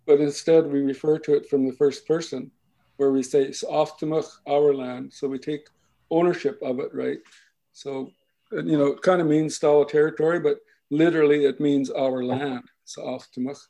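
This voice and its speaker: Mellow-voiced man explaining place names. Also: fairly high pitch, steady tone, creaky, poor audio. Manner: explains slowly, often checks with "right?". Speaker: language and culture speaker. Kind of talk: explanatory talk.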